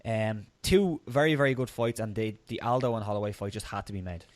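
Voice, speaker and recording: Fast-talking Irish man co-hosting. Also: on the low side, no room sound. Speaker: podcast co-host. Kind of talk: casual podcast chat.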